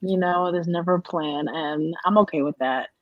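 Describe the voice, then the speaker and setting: A woman's voice: lowish voice, moderate pace, dry recording, lo-fi sound. A woman in her thirties, a stage actress, telling stories in a casual interview with many restarts. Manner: animated storytelling with restarts.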